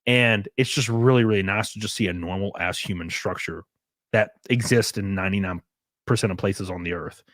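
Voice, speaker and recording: A man's voice: fairly low pitch, fairly quick, fairly bright tone, no echo, studio quality. A man hosting a casual podcast chat, rambling and ranting with lots of filler words. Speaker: host.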